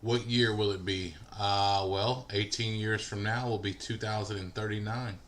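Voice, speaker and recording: Chatty man in his forties, low voice. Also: fairly even intonation, moderate pace, fairly bright tone. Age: 40s. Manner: chatty, greets viewers and answers chat by name. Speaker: livestream host. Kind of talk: casual livestream chat.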